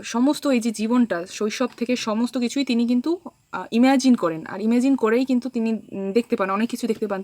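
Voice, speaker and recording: A woman with a somewhat high voice gives a literature lecture. She explains patiently and slows right down to read lines of verse. The recording is dry and close. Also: no room sound. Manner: explains in Bangla, mixing in English terms and reading poem lines slowly. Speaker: teacher.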